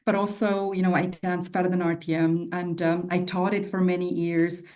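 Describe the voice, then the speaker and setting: Reflective woman, lowish voice. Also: level tone, moderate pace, darkish tone. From Switzerland. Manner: reflective, with many fillers. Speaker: guest, non-profit CEO. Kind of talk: casual interview talk.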